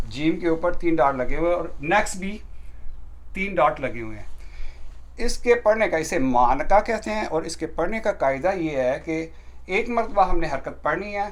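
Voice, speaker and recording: A middle-aged man teaching beginners to read the Quran. He explains the rules patiently, step by step, and recites verses slowly with long stretched tones. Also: on the high side.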